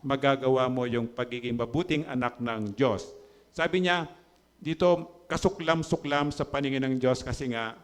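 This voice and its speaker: A man preaching a sermon as pastor with a Filipino accent, animated and full of rhetorical questions, slipping into English phrases. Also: medium pitch.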